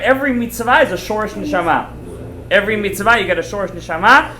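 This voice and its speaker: A man teaching a Torah class as a rabbi, animated and emphatic, repeating phrases, asking rhetorical questions and dropping in Hebrew terms. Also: sits high, roomy sound, slight background noise. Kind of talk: animated religious lecture to students.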